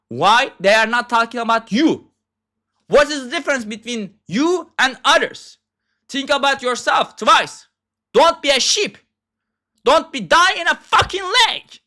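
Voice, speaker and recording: A man's voice: sits high, bright, forceful tone. A young man with a Turkish accent in a heated, profane monologue, speaking in broken English. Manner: heated, profane, ungrammatical rant. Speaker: self-styled philosopher. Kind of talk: ranting monologue.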